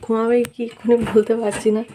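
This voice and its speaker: A woman's voice: a little high, flat delivery, fast, heavy background noise. A woman vlogging at home at night, chatting casually and coaxing her small son with repeated words. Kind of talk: casual vlog chat.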